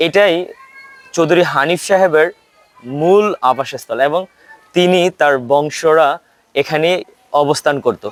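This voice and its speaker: A man from Bangladesh narrating a tour of a historic estate outdoors, speaking formally and pausing often on "ah" fillers. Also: on the high side. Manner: formal, with frequent hesitant "ah" fillers. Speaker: travel vlogger and tour guide.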